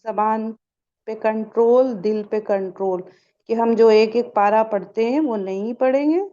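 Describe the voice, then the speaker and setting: Woman teaching a recitation class, kinda high voice, asks then answers her own questions, dull muffled audio. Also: mellow. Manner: quizzing, asks questions and answers them herself. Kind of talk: online tajweed class for women.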